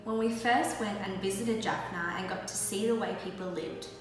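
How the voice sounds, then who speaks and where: A young woman from Australia reads a scripted voice-over at a middle pitch, even and earnest. Her voice rings with a long, heavy reverb, and music plays clearly beneath her. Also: normal speed. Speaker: founder's daughter.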